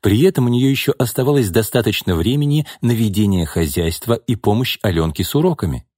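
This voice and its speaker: A man reading a novel aloud as audiobook narrator, in a steady, even manner. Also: fairly low pitch, a little fast, dry recording, clean studio sound. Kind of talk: scripted narration.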